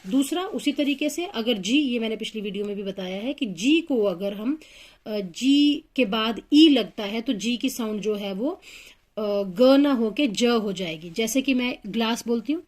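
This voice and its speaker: A woman with a slightly high voice teaches English phonics. She explains step by step, patiently working through example words and pausing with small fillers as she thinks.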